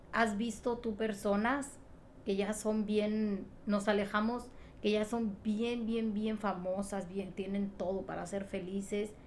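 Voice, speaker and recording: Woman vlogger, mid-range voice, earnest motivational delivery, faint noise underneath. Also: mid-range voice. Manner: emphatic, repetitive, asks rhetorical questions. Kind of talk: motivational talk to camera.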